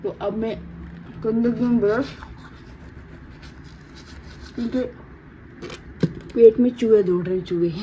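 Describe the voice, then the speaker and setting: A woman's voice: fairly high pitch, slow, long pauses, mellow, a little hiss or hum, rough recording. A young woman chatting casually to viewers in a daily home vlog, talking about her morning. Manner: chatty, talks to viewers and coos to her baby daughter. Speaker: vlogger. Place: home kitchen and bedroom.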